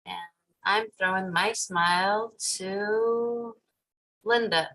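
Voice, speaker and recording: A woman from New York introduces herself on a group video call, speaking slowly in a friendly manner. Her voice has a bright, clear edge. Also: mid-range voice, fairly even intonation, poor audio. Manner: slow, friendly. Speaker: meetup participant.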